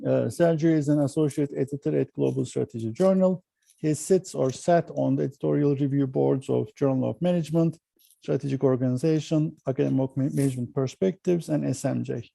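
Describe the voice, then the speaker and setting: A man's voice: medium pitch, a little fast, gravelly, dark tone, no room sound. A man hosting an interview, reading a guest introduction with fillers and slips, then asking questions. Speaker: interview host.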